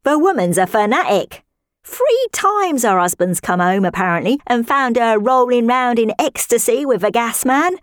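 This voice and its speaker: A woman playing a nosy, gossiping married woman who spies on her neighbour, chatty with dry deadpan asides. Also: on the high side, normal speed, dry recording, lightly acted. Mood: gossipy. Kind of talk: comic character monologue.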